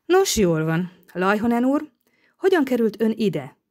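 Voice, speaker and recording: A woman's voice: a little high, sing-song, a little mellow, pitched above the performer's own voice. A woman reading an audiobook, voicing a stern middle-aged male police inspector who asks tense, probing questions.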